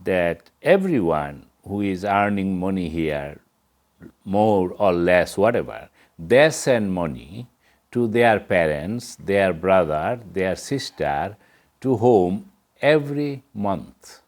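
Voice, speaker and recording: A man's voice: low-pitched, lively intonation, slow, darkish tone. A middle-aged man from Bangladesh, speaking earnestly in as an interview guest. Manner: earnest, plain-spoken, non-native English grammar. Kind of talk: interview answers.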